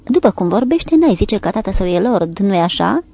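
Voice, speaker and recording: A woman narrator voicing a tender young woman who gently soothes the man she loves. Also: mid-range voice, big pitch swings, vocal fry.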